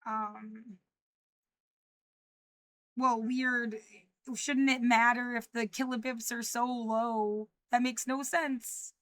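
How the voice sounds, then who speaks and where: A woman in her thirties speaking in a livestreamed personal monologue, anxious and rambling, halting with frequent restarts. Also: fairly high pitch, little pitch movement, fairly bright tone, dry recording. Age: 30s.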